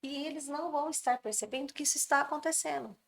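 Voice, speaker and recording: A woman's voice: high voice, quick pace, gravelly, fairly bright tone. A woman on a podcast earnestly explaining workplace mental health as a guest, sometimes acting out what people say. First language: Brazilian Portuguese. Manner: earnest, acts out quoted speech. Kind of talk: explanatory conversation.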